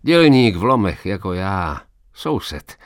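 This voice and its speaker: A man voicing an old quarry worker who talks in a hushed, confiding way about ghostly visions, in a storybook reading. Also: low-pitched, big pitch swings, no echo, studio quality. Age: older. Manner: hushed, confiding, rising to urgent.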